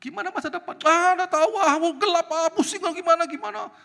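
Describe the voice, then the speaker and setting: Male preacher doing a whiny, sighing worrier; high and tense, hall reverb. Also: quick pace, gravelly, pushed and bright, exaggerated voice. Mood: fretful. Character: anxious pessimistic churchgoer fretting about the future.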